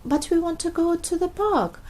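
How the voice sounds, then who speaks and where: A woman voicing an eager, excitable little girl pig from a children's storybook. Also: extremely high pitch, normal speed, pitched above the performer's own voice. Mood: excited.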